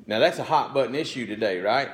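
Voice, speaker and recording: A middle-aged man preaching a sermon in a folksy, conversational way, with many asides and frequent throat-clearing. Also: mid-range voice, expressive, fast. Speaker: pastor.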